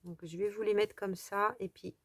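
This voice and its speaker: Casting note: woman, mid-pitched, chatty haul vlogger, easily delighted, lots of fillers. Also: steady tone, moderate pace, a bit bright, no echo. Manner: chatty, enthusiastic about small items, lots of fillers. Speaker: craft vlogger showing a haul. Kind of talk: casual haul vlog, showing items to camera.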